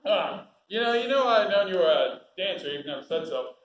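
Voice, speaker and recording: Man as a high-voiced wisecracking comic, lively and bouncing, flirty showbiz patter, echoey auditorium. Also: dull audio. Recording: echoey auditorium, faint noise.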